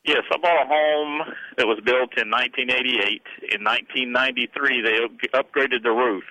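A man's voice: medium pitch, fairly even intonation, normal speed, sharp tone, no echo, rough recording. A man calling in to a radio show, describing his problem plainly and carefully. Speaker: caller.

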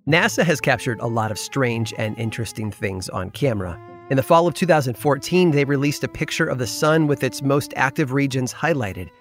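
A man's voice: medium pitch, expressive, fairly quick, fairly bright tone, soft background music. A man reading scripted storytelling narration. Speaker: podcast narrator.

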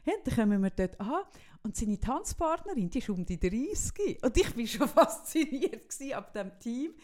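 Animated Swiss woman telling a story. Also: on the high side, moderate pace. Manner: animated, quotes others in lively back-and-forth. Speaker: podcast host. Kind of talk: casual storytelling chat.

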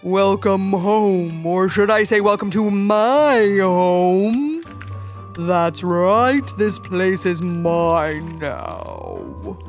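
A woman voicing an eerie, menacing male green Jell-O blob in a children's story, muttering slowly and low. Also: big pitch swings, faint music behind, heavily acted. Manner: slow, low, drawn-out muttering.

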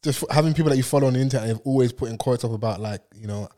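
A man with a London roadman accent talks very quickly in loose street slang. He is jokey and animated, bantering casually as if among friends on a podcast. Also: mid-range voice. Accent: London, urban street style.

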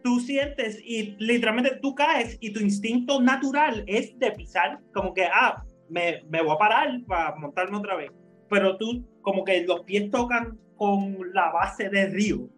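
A man with a high voice tells a story among friends on a podcast. He talks in a loose, casual way, laughs a lot and slips English words into his talk. Faint music plays underneath. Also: a little slow. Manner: lively, laughs often, mixes in English words. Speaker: podcast co-host.

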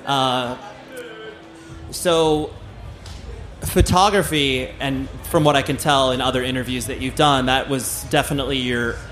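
A man's voice: medium pitch, steady tone, unhurried, long pauses, a bit bright, faint music behind. An American man hosting a casual live interview in a chatty, effusive, conversational way. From California, United States. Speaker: podcast host, interviewer. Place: live stage at a music festival. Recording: background noise, live festival stage.

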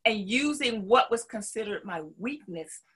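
A woman's voice: a little high, expressive, measured pace, a bit bright, husky. A middle-aged woman with a Southern US accent, telling her story conversationally as an interview guest, emphatic and full of folksy asides. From North Carolina, southern United States.

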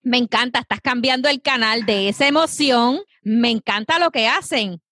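A woman's voice: fairly high pitch, normal speed, sharp tone, dry recording, studio quality. A woman, hosting an interview, asking questions and affirming the guest's points with her own thoughts. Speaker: interviewer and host.

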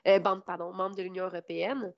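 Young Québécoise, hesitant and chatty. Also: female voice, fairly low pitch, level tone, a little fast, no room sound. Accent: Québécois French. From Canada. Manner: hesitant, many "euh" fillers, laughs often. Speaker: interviewee, law intern. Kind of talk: casual interview answers. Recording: dull lo-fi recording.

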